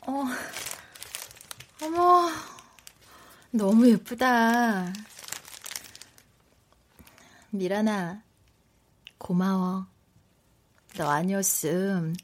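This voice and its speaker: A woman's voice: mid-range voice, animated, slow, pauses often, slight background noise. An actress in her thirties playing a proud but apologetic pregnant wife in a radio drama, talking emotionally. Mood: tender. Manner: emotional, wheedling then teasing.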